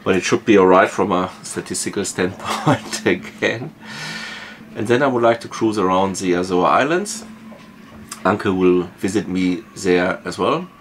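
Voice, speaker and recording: A man in his fifties, a native German speaker, calmly explaining his sailing plans from the saloon of his boat. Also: deep voice, slight background noise. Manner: measured, explains step by step with small fillers. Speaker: sailing vlogger. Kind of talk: casual planning talk to camera. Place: wood-panelled boat saloon, later on deck in a marina.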